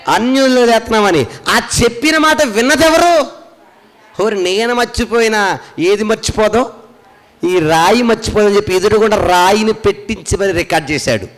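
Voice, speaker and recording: A man's voice: a little high, in a large hall, poor audio. A man preaching a sermon as pastor, asking the congregation questions and answering them himself.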